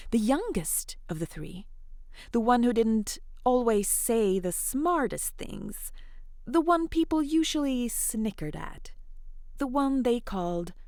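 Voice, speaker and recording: This mid-range female voice belongs to the host of interactive children's fairy tales, who tells the story playfully and encouragingly, throwing in animated, chatty remarks to young listeners. The sound is dry and studio-quality.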